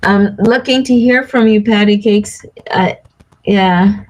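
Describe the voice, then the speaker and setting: A woman hosting a live stream, reading oracle cards aloud and chatting softly with viewers by name. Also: medium pitch, low-quality recording. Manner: slow, soothing, chats with viewers by name. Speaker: card reader and live stream host.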